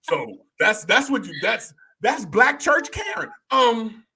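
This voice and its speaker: A man in his fifties, a life coach hosting a conversation, talking in a playful, animated way with sudden high excited bursts and mimicry. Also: slow, vocal fry, husky. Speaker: life coach and show host.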